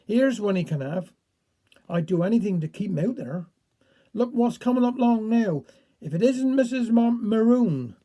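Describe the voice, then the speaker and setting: A man's voice: sits high, expressive, moderate pace, mellow. A man voicing a plain-spoken Cornish village man who rambles on chattily in dialect. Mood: chatty.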